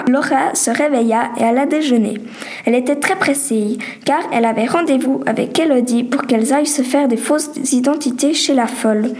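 A woman reading a homemade story aloud in a plain, slightly halting way. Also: fairly high pitch, darkish tone.

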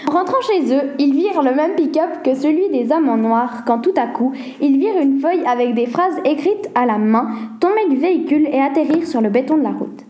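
High-voiced, mellow woman reading a story. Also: expressive, fairly quick. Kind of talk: story read aloud.

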